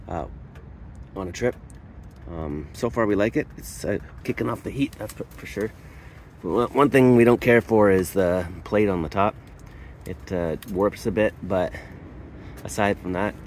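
A man from Canada giving a casual tour of his camping setup inside a hot tent, pausing often with uh and restarting sentences. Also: sits low, a little mellow, slight background noise. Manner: halting, lots of uh and restarts. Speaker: camping vlogger.

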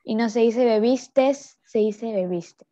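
A woman's voice: fairly high pitch, drawn-out words, mellow. A teenage girl, a student answering hesitantly in an online class. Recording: dull lo-fi call audio.

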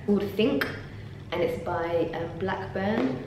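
A London PhD student with a mid-range voice speaks slowly but chats animatedly, full of ums and laughs, in a casual to-camera vlog. The setting is an indoor university office lab. She's captured by a camera on her desk and then by a handheld selfie shot, with very echoey acoustics and a faint hum.

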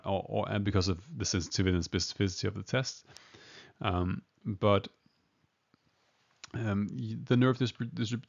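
A man's voice: fairly low pitch, gravelly. A man giving an informal medical lecture, hesitant with many fillers and restarts. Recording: dull lo-fi recording.

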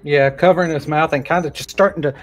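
A man's voice: a little high, fairly even intonation, fast, faint music behind. A man playing in a tabletop game, talking in a laid-back way and laughing often. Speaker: player.

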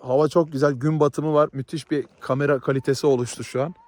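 Playful male village vlogger from Southeast Turkey, slightly high voice, dry close sound. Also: steady tone, fast, darkish tone, dry recording. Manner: playful, teasing, chatty. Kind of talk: casual vlog chat. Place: outdoors in a rural village with livestock.

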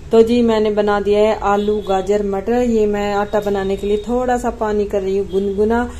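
A woman's voice: mid-range voice, warm tone, a little hiss or hum. A woman in her thirties, a mother filming a casual family vlog at home and talking to her viewers as she cooks. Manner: chatty, addresses viewers as guys. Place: home kitchen.

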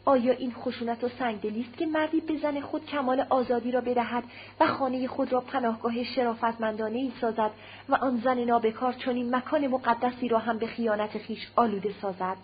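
A woman's voice: a little high, fairly even intonation, lightly acted. A woman reading an audiobook, voicing a stern, cold, aristocratic husband who speaks harshly and with contempt, in a slightly muffled recording with a faint hum. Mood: contemptuous.

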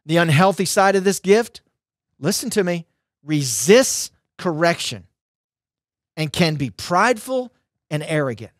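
A man's voice: on the high side, lively intonation, unhurried, pauses often, dry recording, studio quality. A middle-aged man giving a conversational sermon as a preacher, emphatic, with punchy short phrases and repetition, on a headset microphone. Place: dark indoor studio.

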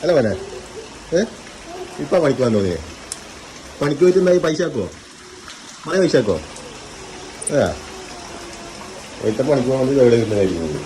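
A man's voice: medium pitch, sing-song, a little fast, long pauses, warm tone, a little hiss or hum. A young father, coaxing his small children in a casual family vlog and repeating the same fond words over and over. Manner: sing-song coaxing, repeats "mone" and "va" over and over. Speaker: father vlogger. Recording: music playing behind the voice.

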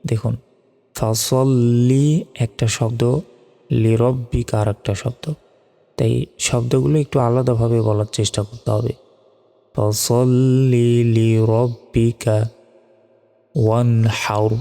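A man's voice: mid-range voice, level tone, unhurried, gravelly, pauses often, warm tone, long reverb tail. A man from Bangladesh giving a recitation lesson, spelling out each letter and vowel, then chanting the words long and drawn out. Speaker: Quran recitation teacher.

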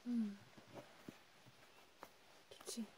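A woman hosts a gentle ASMR hand-massage roleplay, whispering softly and breathily as though chatting to a single listener. Her soothing, one-sided talk is dotted with pauses and murmured acknowledgements. A clear, steady background hiss and ambient noise sit under the recording.

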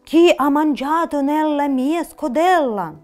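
A woman's voice: slow, darkish tone. Woman doing a roaring papa bear. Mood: gruff. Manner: roaring in a booming voice. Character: big gruff papa bear.

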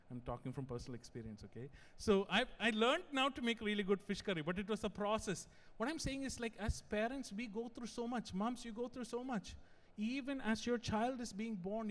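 High-pitched young pastor in a reverberant hall. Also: male voice. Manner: animated, digressive, joking asides. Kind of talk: sermon. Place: large church hall. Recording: long church-hall reverb.

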